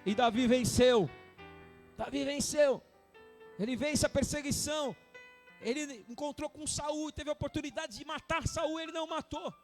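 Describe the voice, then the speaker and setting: A man preaching as pastor, speaking intimately to his congregation and then building to impassioned, shouted appeals. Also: extremely high pitch, moderate pace, soft background music. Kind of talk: sermon.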